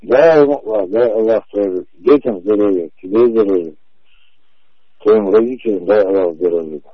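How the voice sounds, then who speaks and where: A man in his forties arguing over the phone, calmly insistent and repeating himself to drive each point home. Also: fairly low pitch, moderate pace, no room sound. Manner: insistent, repetitive, calmly emphatic. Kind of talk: heated phone conversation. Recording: muffled phone-call audio.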